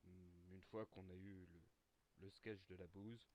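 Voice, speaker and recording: A man's voice: low voice, slow pace. A man playing a tabletop role-playing game, cracking crude jokes and bantering with the others. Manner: joking, crude banter, lively swings. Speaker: player. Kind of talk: casual tabletop role-play.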